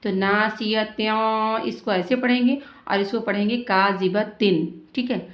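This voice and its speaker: A woman's voice: mid-range voice, highs cut off. Patient woman teaching Quran recitation, echoey. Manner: slow drawn-out recitation between patient explanations, checking with "theek hai".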